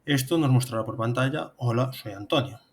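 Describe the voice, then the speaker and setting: This programming instructor, a man in his thirties with a Spain Spanish accent, talks fairly quickly in a husky, medium-pitched voice. He narrates a step-by-step tutorial over a screen demonstration.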